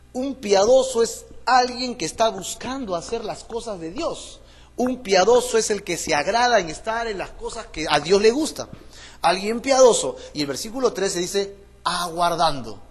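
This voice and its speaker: High-voiced Peruvian pastor in echoey hall. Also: male voice. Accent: Peruvian Spanish. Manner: lively, rhetorical questions, swings between loud and hushed. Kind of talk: Bible study sermon. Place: church hall.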